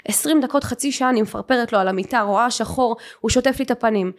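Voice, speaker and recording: Young woman host telling a personal story. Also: on the high side. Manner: animated, acts out quoted voices. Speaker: podcast host.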